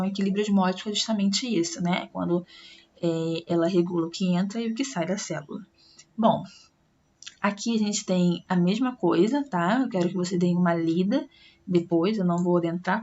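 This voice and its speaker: Brazilian woman teacher, patient explainer, mid-pitched, dull lo-fi recording with faint hiss. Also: darkish tone. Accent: Brazilian Portuguese. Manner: explanatory, many tag questions. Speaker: science teacher. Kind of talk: recorded online class.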